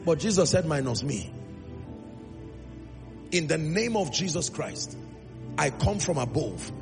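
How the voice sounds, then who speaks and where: A man's voice: fairly high pitch, very animated, gravelly. A Nigerian man preaching a sermon, emphatic, calling out to the congregation and drawing out key phrases. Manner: emphatic, call-and-response, drawn-out phrases. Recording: reverberant hall with music.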